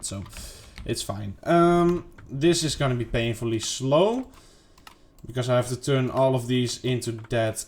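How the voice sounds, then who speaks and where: A man casually talking through his gameplay, rambling and second-guessing himself with lots of fillers. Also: slight background noise. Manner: rambling, self-questioning, lots of fillers and "boom". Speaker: gaming video creator. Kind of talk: casual unedited gameplay commentary.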